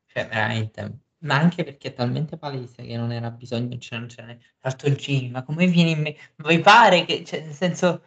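A woman with an unusually deep voice co-hosting a casual book chat. She rambles in disbelief and laughs often. The recording sounds dull and muffled. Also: normal speed, fairly bright tone, husky. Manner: incredulous, laughing, rambling chatter. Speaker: podcast co-host.

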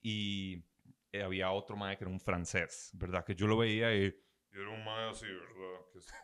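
A man's voice: low voice, moderate pace, clean tone. A young Costa Rican man telling a rambling story in casual podcast chat, swearing often and asking "right?" again and again. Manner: rambling, animated, swears often, says "¿verdad?" often. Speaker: podcast host.

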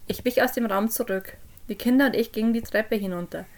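A woman narrating a creepy first-person story for a podcast, dropping low and quiet on the eerie moments. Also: brisk. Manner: drops low and quiet on eerie lines, raises voice for called-out quotes. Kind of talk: scripted horror story narration.

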